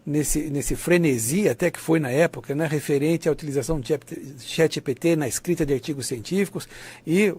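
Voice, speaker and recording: A man with a Brazilian accent, his voice fairly high, a bit dark and breathy, gives an online lecture for an academic writing course at a fairly quick pace. His explanation is informal and conversational, and he keeps checking in with short tag questions to seek confirmation.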